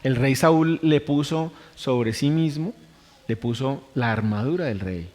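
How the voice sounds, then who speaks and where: A man's voice: mid-range voice, measured pace, darkish tone, long reverb tail. A man preaching a sermon in an earnest way, repeating phrases for emphasis and correcting himself mid-sentence. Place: church hall.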